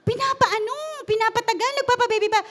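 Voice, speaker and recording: A woman's voice: extremely high pitch, a little fast, background noise. A woman preacher giving a humorous, conversational sermon at a church service and often asking the congregation questions.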